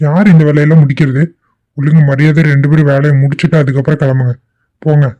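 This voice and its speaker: A man's voice: fairly high pitch, flat delivery, fast, dark tone, close to an everyday voice. A man voicing a strict, scolding male boss in a cartoon, who talks in a stern, bossy way. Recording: dull lo-fi dry recording.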